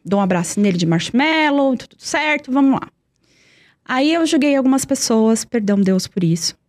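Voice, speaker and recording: A woman's voice: high voice, lively intonation, moderate pace, darkish tone, no echo. A young woman telling a personal story in earnest, repeating words for emphasis. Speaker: guest.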